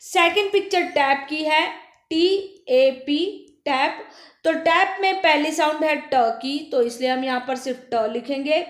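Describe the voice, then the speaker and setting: A woman teacher giving a primary school phonics lesson, asking questions and answering them herself, repeating words slowly. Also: sits high, a bit bright. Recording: echoey room.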